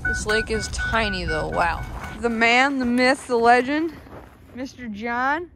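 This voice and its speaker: A man hosting a fishing vlog, talking casually and excitedly with lots of slang, outdoors on a frozen lake. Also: extremely high pitch, slow, faint music behind. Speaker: fishing vlogger. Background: wind noise.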